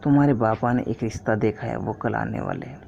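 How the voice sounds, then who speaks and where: A man's voice: on the low side, fairly quick, gravelly, a little mellow. Fields: Figure: anxious fussing mother, read by a man. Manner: questioning. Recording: lo-fi. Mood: worried. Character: worried fussing middle-aged mother. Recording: dull lo-fi recording, faint hiss.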